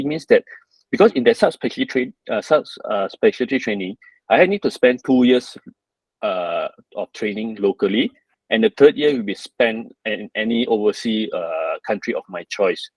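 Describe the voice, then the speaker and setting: Husky Malaysian-accented man, fairly low voice. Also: dry recording, poor audio. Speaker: surgeon asking a question at a webinar. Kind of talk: hesitant, explanatory question in an online seminar.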